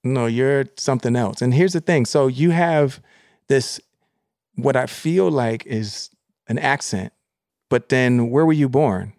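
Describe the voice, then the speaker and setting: A man interviewing an actress, admiring and a little halting as he searches for words. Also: mid-range voice, darkish tone, no room sound, studio quality. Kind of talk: casual interview chat.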